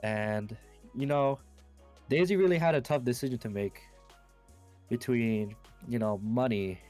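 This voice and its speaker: A teenage student hosting a class podcast discussion, relaxed and dropping "you know" often. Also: male voice, medium pitch, unhurried, soft background music.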